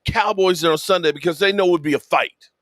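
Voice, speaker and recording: A man's voice: sits high, quick pace, a bit bright, dry recording. A man in his fifties, a guest on a casual stream, cursing and blustering and stammering through restarts. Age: 50s.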